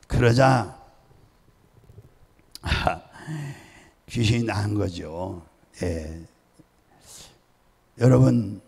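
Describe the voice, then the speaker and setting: Older male pastor with a gravelly voice. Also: mid-range voice, big-room sound. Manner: storytelling, acting out pleading and shouting voices. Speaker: pastor emeritus. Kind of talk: sermon with acted-out stories. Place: church sanctuary.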